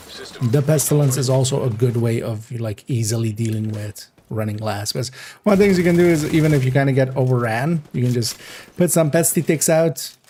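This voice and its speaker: A man streaming a game, chatting casually in a rambling, relaxed way and laughing often. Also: medium pitch, slight background noise. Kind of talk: casual gameplay livestream chat.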